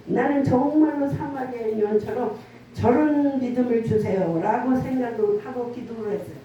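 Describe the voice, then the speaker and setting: High-voiced woman pastor preaching in an echoey room. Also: warm tone, lo-fi sound, a little hiss or hum. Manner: earnest, conversational preaching with frequent call-and-response. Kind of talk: sermon. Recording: roomy, echoey church room from far off.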